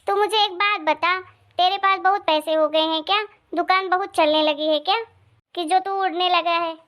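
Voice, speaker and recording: A sharp-tongued, scornful grandmother from a cartoon, voiced by a woman, talking in a very high, piercing voice. She nags and belittles everyone around her, and every line carries open contempt. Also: fairly even intonation, normal speed. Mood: scolding. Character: scolding grandmother who favors her grandson. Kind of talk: animated cartoon voice acting.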